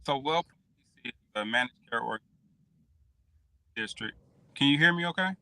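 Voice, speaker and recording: A man speaking as a community representative guest from a car over a choppy, breaking-up video call, his speech halting and fragmented. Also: medium pitch, expressive, bright, forceful tone, no echo. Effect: choppy, breaking-up video call connection.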